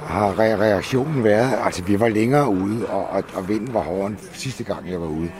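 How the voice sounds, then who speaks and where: A man's voice: fairly low pitch, crowd noise. A man, a novice sailor, speaking in a documentary interview outdoors on a sailboat and stumbling through restarts as he thinks aloud.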